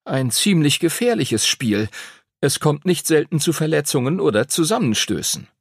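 A man's voice: a little high, big pitch swings, normal speed, gravelly, breathy edge, dry recording, clean studio sound, voice pushed up, heavily acted. A man voicing a know-it-all young boy pupil who explains things eagerly. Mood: explaining.

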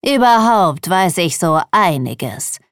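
A woman reading aloud, voicing a menacing male customer with a squeaky voice, speaking slowly. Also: sing-song, dry recording, clean studio sound, exaggerated voice. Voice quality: squeaky like a rusty hinge. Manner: slow, smooth, threatening. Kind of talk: storybook reading.

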